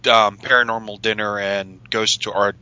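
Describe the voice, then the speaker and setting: A man chatting casually on a podcast as a paranormal investigator, excitable and talkative. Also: fairly low pitch, normal speed, clean tone, highs cut off. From Utah.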